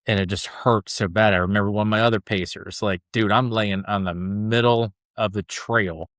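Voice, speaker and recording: A man with a lowish voice tells a long personal story on a podcast, rambling and casual, leaning on "like" and "dude". The sound is dry and close, with no room around it. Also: fairly even intonation, moderate pace, a bit bright, dry recording. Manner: loose and chatty, peppered with "like" and "dude". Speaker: podcast guest, ultra runner.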